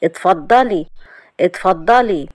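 A proud, teasing young husband, read by a woman storyteller. He talks slowly and coolly, needling his wife. The recording is dry and close. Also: lowish voice, animated, darkish tone, no room sound.

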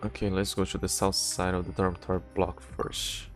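A man's voice: deep voice, completely flat delivery, a little fast. A man streaming a game and reading its text aloud plainly, with restarts, faint music behind.

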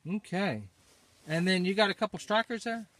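A man's voice: sits high, moderate pace, a bit bright, no echo. A man co-hosting off camera, casually chatting about outdoor gear and prompting a child, recorded on a handheld phone in a small hunting blind. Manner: prompting a child with leading questions. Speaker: off-camera interviewer and co-host.

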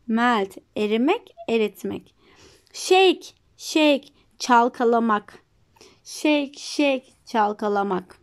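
A woman with a Turkish accent teaching an English vocabulary lesson, saying each word twice with emphasis and then giving its meaning. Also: a little high. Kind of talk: vocabulary lesson, repeat-after-me drills.

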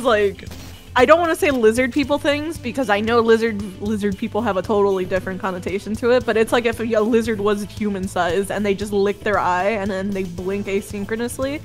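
A woman talks in a loose, rambling way during a gaming stream, animated and quick to swear. Her voice sits mid-range, with faint music under her. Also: fairly high pitch. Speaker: friend co-hosting the stream. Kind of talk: casual chat.

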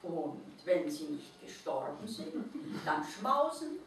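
A woman reading a Christmas story aloud at an Advent reading, in an expressive storytelling manner. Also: deep voice, slow pace, slight background noise. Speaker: reader. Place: reading event room. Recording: echoey room from far off.

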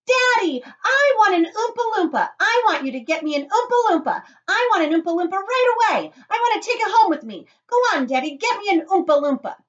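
A woman's voice: very high-pitched, very animated, a little fast, hardly any pauses, highs cut off, voice pushed up. A woman voicing a spoilt, bossy little girl in a children's storybook, screaming her demands insistently. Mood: shrill demanding.

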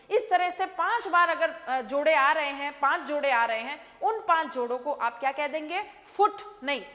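A woman teacher giving an exam-prep lesson, explaining slowly and repeating herself as she checks each point and mixes in English terms. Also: sits high, fairly bright tone, long reverb tail.

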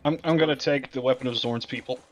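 A man's voice: mid-range voice, steady tone, quick pace. A man chatting casually with teammates in a co-op military shooter. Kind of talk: casual gaming chat.

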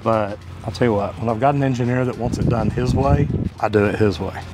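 A plumber in his 50s or 60s hosts a tutorial video outdoors beside a brick house, explaining a hands-on job in a casual, folksy manner. His mid-range voice moves fairly quickly, and music plays in the background.

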